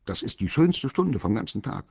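A man's voice: on the low side, big pitch swings, moderate pace, creaky, darkish tone, breathy edge, no room sound, muffled recording, pitched above the performer's own voice, full character voice. A man voicing a timid male teddy bear who would rather stay home and tends to whine. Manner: hesitant, whiny.

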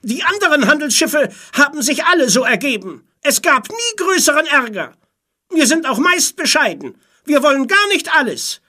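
A storybook pirate captain who tries to sound fierce but keeps stumbling over his words, put on by a reader. The voice jumps far up, loud and bright, swinging wildly in pitch. He bluffs and bargains rather than threatens. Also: sing-song, moderate pace, exaggerated voice. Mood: pleading. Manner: hesitant, stammering with fillers. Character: blustering but nervous pirate captain, male. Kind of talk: storybook read-aloud.

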